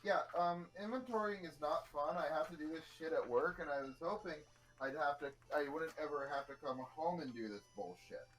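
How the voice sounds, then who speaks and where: A man's voice: a little high, fairly quick, a bit bright, rough recording. A man on a voice chat with a friend, chatting casually and explaining things while he works.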